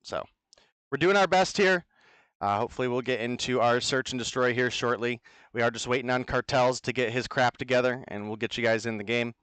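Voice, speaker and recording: A man calling an online esports match from his home over a headset mic. His voice is smooth and resonant and sounds close and dry, with no room around it. He talks with energy and gives blunt, firm opinions. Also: medium pitch, fairly quick, fairly bright tone, no room sound. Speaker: esports caster. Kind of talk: play-by-play commentary. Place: at home, remote over the internet.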